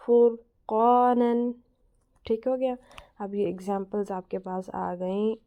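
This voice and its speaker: Mellow woman teaching recitation rules slowly. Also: medium pitch. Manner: explains patiently, then says each example word slowly and clearly. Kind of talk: tajweed lesson.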